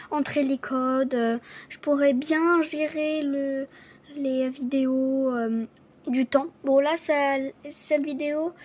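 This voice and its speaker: Casual vlogger woman with a stutter, slow and apologetic, high, soft-toned voice. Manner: stutters, restarts words often; halting, apologetic. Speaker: vlogger showing her gifts. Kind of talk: casual unboxing chat to camera.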